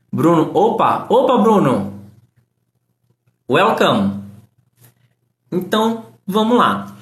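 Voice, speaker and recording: A man's voice: a little high, reverberant. A man giving a casual live-stream English lesson, answering chat comments and explaining grammar patiently.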